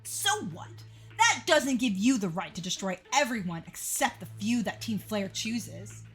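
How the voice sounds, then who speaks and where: A woman's voice: mid-range voice, sing-song, unhurried, breathy edge, faint music behind. A woman reading out the lines of a defiant young rival from a video game in an indignant tone.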